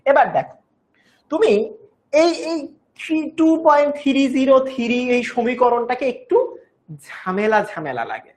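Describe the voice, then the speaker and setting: A woman's voice: sits high, very animated, normal speed, long pauses, a little mellow. Patient woman teaching chemistry. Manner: patient, repeats each step, coaxes students with "baba". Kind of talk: online class lecture.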